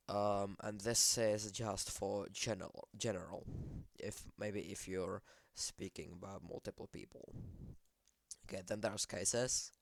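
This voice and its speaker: A low, gravelly-voiced man with a Czech accent, a Czech native speaker, explains his notes in a casual, hesitant way. He speaks slowly and fairly flatly, stumbling over words and stopping to fix them. The sound is close and dry. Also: no room sound. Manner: hesitant, many fillers and self-corrections. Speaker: language creator explaining his project. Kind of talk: casual screen-share explanation.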